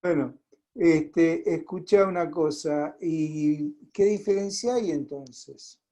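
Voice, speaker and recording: Mellow Argentine man lecturing. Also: on the high side, poor audio. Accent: Argentine Spanish. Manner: conversational, fills pauses and checks in with the class. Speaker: pharmacology lecturer. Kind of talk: online class lecture.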